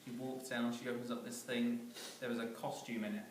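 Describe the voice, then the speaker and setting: Chuckling at his own jokes, a man rambles through a comic story with many fillers and restarts, his medium-pitched voice flat and brisk. He sits well back from the mic in a very echoey room, with noise clearly audible behind him.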